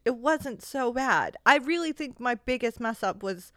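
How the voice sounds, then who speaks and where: A young woman in casual chat, talking quickly in loose, laughing stretches full of "like". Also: a little high, expressive, a bit bright, no echo, clean studio sound. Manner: chatty, laughing, lots of "like".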